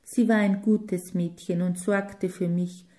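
A woman's voice: on the low side, steady tone, slow, mellow. Woman reading as an earnest orphaned man.

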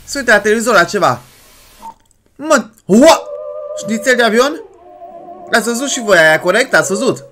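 Brief: male reaction host, exclaims and jokes a lot, animated voice. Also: high-pitched, music in the background. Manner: excitable, exclaiming, joking. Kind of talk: casual reaction commentary.

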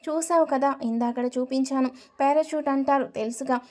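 A woman's voice: sits high, fairly even intonation, moderate pace, darkish tone, natural voice. A woman reading out the lines of a playful young husband who teases his new bride with mock fear. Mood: teasing. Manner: teasing, mock-fearful.

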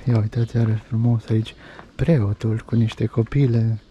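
Walking through a car-free old town, this travel vlogger casually points out landmarks, dishes and prices. He speaks with a fairly low, mellow voice and a flat delivery, captured in a lo-fi outdoor recording full of street sounds.

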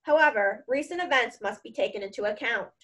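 A woman voicing a cheerful, whimsical old male headmaster addressing pupils in a storybook, in a measured, ceremonious way. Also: on the high side, fairly bright tone. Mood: measured authority.

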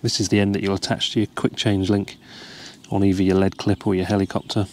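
In a relaxed, casual tutorial, a low-voiced male carp angler speaks fast as he explains each step of tying a rig. He's outdoors by the water, seated over a tackle box, and the recording has a little hiss or hum.

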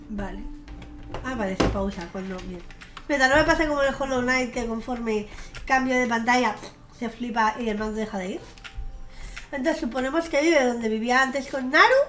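A young woman with a high-pitched, fairly bright voice streams her gameplay, chatting freely, swearing offhandedly, and erupting into delighted, gushing squeals. Game music plays faintly in the background.

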